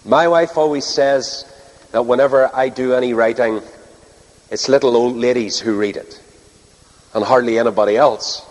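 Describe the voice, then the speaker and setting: Northern irish guy preaching, earnest, big pauses, long echo of a big hall. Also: medium pitch, steady tone, a little mellow. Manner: earnest, rhetorical repetition and dramatic pauses. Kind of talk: sermon to a congregation. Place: large hall or church, speaking to a live audience. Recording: long reverb of a large hall.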